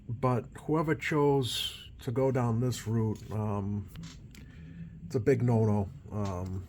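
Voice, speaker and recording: A man with a lowish, darkish voice, a CB radio repair technician who also hosts a channel, talks through a hands-on repair. His speech is unscripted and halting, with thoughts that trail off and resume, over light background noise.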